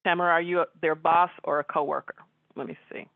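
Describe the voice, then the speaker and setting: A woman giving a webinar talk as guest speaker, chatting with the audience and pausing on fillers. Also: lowish voice, little pitch movement, gravelly, dry recording. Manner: conversational, frequent fillers. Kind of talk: webinar presentation with audience questions. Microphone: video call. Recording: tinny phone-like line.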